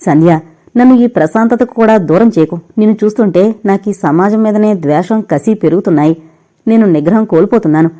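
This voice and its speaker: A woman's voice: mid-range voice, quick pace, mellow, lightly acted. A woman voicing a heartbroken young man who drinks himself to ruin, speaking in pained, bitter lines that push his lost love away. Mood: anguished.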